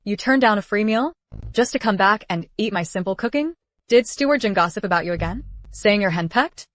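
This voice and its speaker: Woman as a caring young wife, gently bossy, mid-pitched, period drama dub, dry studio sound. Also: lively intonation, brisk, no echo, lightly acted. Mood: teasing, fussing.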